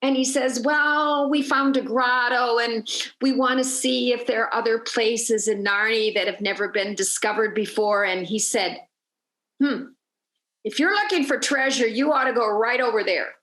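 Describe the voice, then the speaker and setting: Woman tour guide, storytelling, fairly high voice, echoey room. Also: moderate pace. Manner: lively storyteller, acts out quoted voices.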